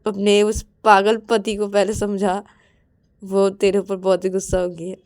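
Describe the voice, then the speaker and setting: A woman's voice: mid-range voice, completely flat delivery, unhurried, darkish tone, no room sound, studio quality, natural voice. A woman voicing a young woman friend, teasing and bossy.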